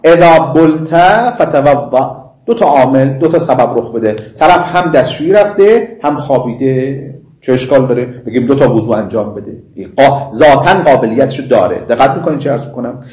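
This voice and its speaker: A man's voice: medium pitch, darkish tone. A middle-aged man teaching a class on Islamic law. He repeats his points, asks whether students follow, slips in Arabic legal phrases and chats with them. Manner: mixes in Arabic legal phrases, chatty asides and laughter. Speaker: seminary teacher. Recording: roomy classroom echo.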